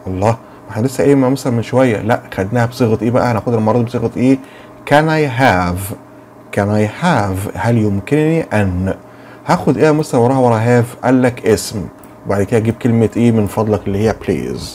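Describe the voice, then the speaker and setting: A man with an Egyptian Arabic accent explains English grammar to children, drilling each English phrase slowly. His voice is dark and mellow. Faint noise sits behind him. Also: medium pitch. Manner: asks and answers his own questions, slow drilled English phrases. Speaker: English teacher.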